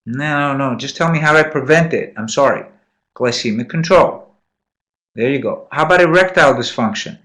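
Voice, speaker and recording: A man's voice: medium pitch, moderate pace, fairly bright tone. A man giving a live medical lecture in a classroom, quizzing students and repeating key points. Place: lecture room.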